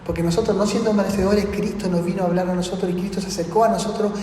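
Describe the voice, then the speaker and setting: A man's voice: high voice, steady tone, very fast, dark tone, a little hiss or hum. A man with a Rioplatense accent preaching to a youth meeting at church, chatting with the audience and asking them rhetorical questions. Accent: Rioplatense Spanish. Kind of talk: sermon. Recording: echoey hall, faint ambience.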